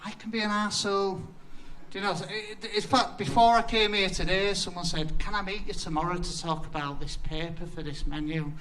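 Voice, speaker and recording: Speaking a bit fast in a high, slightly bright voice with fairly even intonation, a young man from Yorkshire, England, presents his design work casually at a community event. He swears and pokes fun at himself, and the audio is poor.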